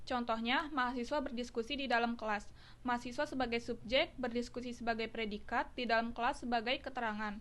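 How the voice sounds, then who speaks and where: Brief: woman student presenter, slightly high voice, steady list-like reading. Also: a little fast.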